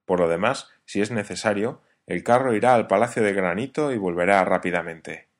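Calm male engineer, firm, measured, low voice, audiobook, read by a man. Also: lightly acted. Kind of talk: audiobook reading.

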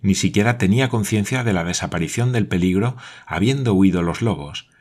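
Deep-voiced man narrating an audiobook. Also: brisk, darkish tone. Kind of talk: audiobook narration of an adventure novel.

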